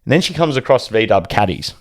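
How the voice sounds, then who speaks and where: Young Aussie man, podcast co-host, animated storyteller, dry close sound. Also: fairly low pitch, quick pace, no room sound. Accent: Australian. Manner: animated, swearing, acts out quotes in a raised voice. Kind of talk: casual storytelling chat.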